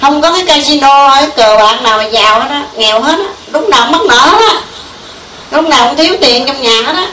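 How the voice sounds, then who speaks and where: A woman's voice: high voice, fairly quick, bright, forceful tone, slight background noise. A woman giving a folksy Buddhist sermon, full of rhetorical questions and small chuckles. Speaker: Buddhist preacher. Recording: echoey room from far off.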